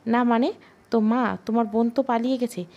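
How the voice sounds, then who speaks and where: A snide older neighbor woman in an audio storybook, dropping barbed remarks, read by a woman. She drawls her jabs. The tone is mellow and dark. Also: a little high, steady tone, a little fast, dull audio. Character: snide older female neighbor, sneering gossip.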